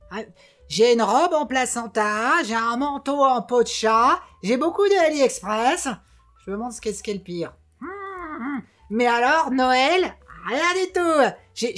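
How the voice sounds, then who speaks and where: A woman's voice: high voice, fairly bright tone. A woman hosting a comic film show, theatrical and playful, joking with the crew.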